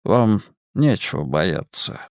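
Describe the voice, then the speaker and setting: A man voicing a mysterious masked man who hides in darkness, speaking slowly, quietly and evenly. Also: low-pitched, very animated, dry recording, clean studio sound, voice pushed down, exaggerated voice. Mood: calm. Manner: slow, quiet, measured.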